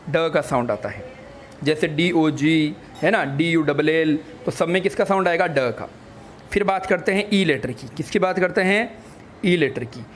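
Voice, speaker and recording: A man's voice: sits high, slight background noise. A man teaching English letter sounds, spelling words out letter by letter and answering his own questions like a patient teacher. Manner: addresses listeners as children. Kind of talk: classroom phonics lesson.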